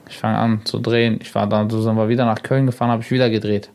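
A man's voice: fairly low pitch, quick pace, slight background noise. Young man telling stories, casual. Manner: animated, acts out quoted dialogue. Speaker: YouTuber and radio guest. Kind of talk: casual storytelling.

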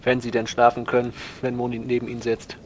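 A man's voice: mid-range voice, completely flat delivery, quick pace. A man speaking in character as a player in a tabletop role-play, with background noise.

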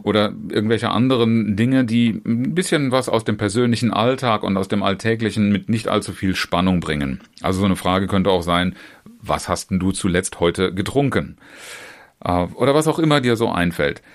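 A trainer who also educates other trainers speaks in a very low voice, talking informally and directly to the listener about online seminars. He links clause after clause into long sentences, with frequent restarts and brief hesitation fillers.

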